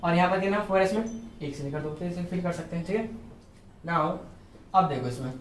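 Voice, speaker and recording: High-pitched male teacher, patient step-by-step lecturing, recorded in a roomy space with a faint hum and the mic some way off. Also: brisk. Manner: explains step by step, keeps checking with "theek hai". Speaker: chemistry teacher. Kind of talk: classroom lecture. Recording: echoey room, mic at a distance.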